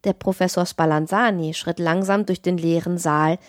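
A woman narrating a classic tale as an audiobook reader, in a measured, expressive reading. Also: fairly low pitch, no room sound, clean studio sound.

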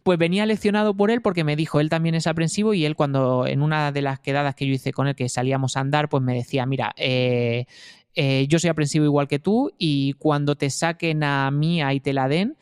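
Earnest Spanish man, smooth clear voice. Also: fairly high pitch, steady tone, brisk, no echo, studio quality. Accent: Spain Spanish. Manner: earnest, detailed, hesitant with fillers. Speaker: new father telling his birth story. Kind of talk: casual storytelling.

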